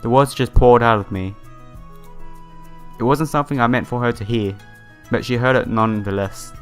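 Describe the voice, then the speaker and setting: During a casual let's play, a man reads out visual novel text and slips in his own remarks while faint game music plays. A sore throat leaves his voice a little broken, yet it stays clear and resonant, at average pitch and normal speed.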